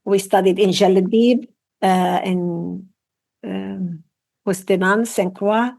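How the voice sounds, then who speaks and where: A woman in her sixties, born in Iraq and raised in Venezuela, whose first language was Assyrian Aramaic, speaks in a mid-range, gravelly, darkish voice with a steady tone and slow pace. She is a psychotherapist and breathwork trainer appearing as a guest in a casual interview, reflective and often repeating and restarting her phrases.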